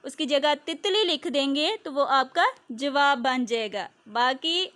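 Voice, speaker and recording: A Pakistani woman teacher with a high voice leads a children's reading lesson. She talks at an unhurried, deliberate pace and says each key word twice, clearly and carefully. Her tone is patient and instructive. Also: expressive, a bit bright. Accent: Pakistani Urdu. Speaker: school teacher. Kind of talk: slow classroom reading lesson.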